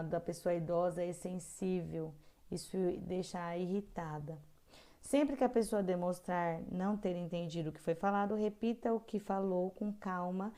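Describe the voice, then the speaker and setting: A woman's voice: fairly low pitch, dark tone. A middle-aged woman teaching a caregiver course, reading guidelines with earnest asides and frequent hesitations. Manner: earnest, frequent hesitations, emphatic on key points.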